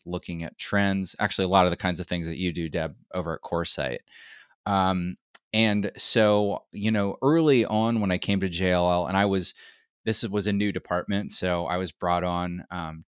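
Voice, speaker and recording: A man with a gravelly, whiskey-rough and slightly hoarse voice, talking informally and ramblingly as a guest in an interview. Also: low-pitched, dry recording, studio quality. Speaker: podcast guest, retail research lead. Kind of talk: casual interview talk.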